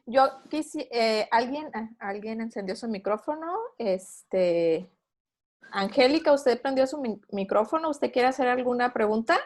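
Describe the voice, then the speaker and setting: A woman's voice: fairly high pitch, animated, a little slow. A woman with a Mexican Spanish accent moderating an online women's meeting, asking questions with hesitant fillers. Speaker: host of women's talk.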